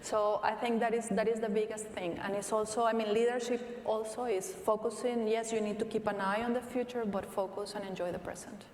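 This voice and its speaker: An earnest woman with a Venezuelan accent speaks slowly and thoughtfully, often restarting her sentences. She is heard from some distance in a big echoing hall, with a long reverb tail and faint hiss behind her. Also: mid-range voice, flat delivery, a little mellow. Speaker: interviewee, company tech leader. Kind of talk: onstage conversation. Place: large hall at a live event. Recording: echoey hall from far off.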